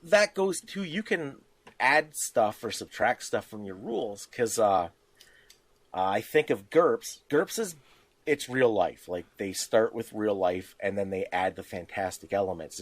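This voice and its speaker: In a relaxed tabletop-gaming podcast, this male co-host illustrates points with examples and little performed bits. He speaks in a lowish voice with lively intonation, taking his time.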